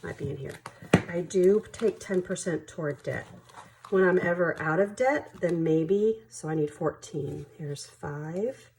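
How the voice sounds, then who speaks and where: Gravelly and dark, her lowish voice comes through over slight background noise as she hosts a budgeting channel. She's congested with allergies, sniffling and coughing, but stays friendly and apologetic, laughing readily and counting money out loud in casual chatter.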